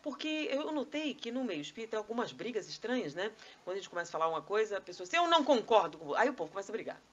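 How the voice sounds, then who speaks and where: Animated Brazilian woman lecturing. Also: mid-range voice, very fast, highs cut off. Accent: Brazilian Portuguese. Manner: animated, rhetorical questions, conversational asides. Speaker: spiritist lecturer. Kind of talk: live lecture to an audience. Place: spiritist society meeting hall.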